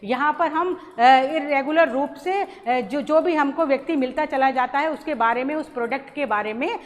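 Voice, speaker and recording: A woman college lecturer giving a recorded lesson, explaining slowly with many pauses and restarts. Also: high voice, a little hiss or hum. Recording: roomy hall echo, faint ambience.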